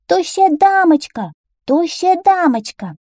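Lady doing excited town crowd and kids, high shouty exclaiming, storybook. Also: normal speed, no echo, clean studio sound. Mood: puzzled. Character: excited townsfolk and children.

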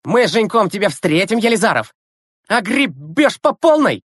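A reader voicing a rough, threatening schoolboy bully who talks in crude slang in an audiobook. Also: medium pitch, sing-song, moderate pace, no echo, studio quality, pitched above the performer's own voice. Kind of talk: audiobook character voice.

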